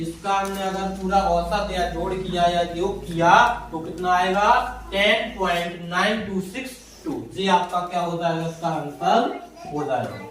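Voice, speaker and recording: A man teaching a class, who keeps asking his students questions and answering them himself. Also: sits high. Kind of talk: classroom lesson. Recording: echoey room, from far off.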